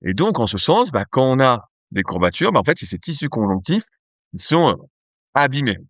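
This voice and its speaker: A man's voice: medium pitch, big pitch swings, moderate pace, a bit bright, dry recording. A man explaining strength training on a podcast in a conversational way, with fillers and restarts. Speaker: podcast host, nutrition company cofounder.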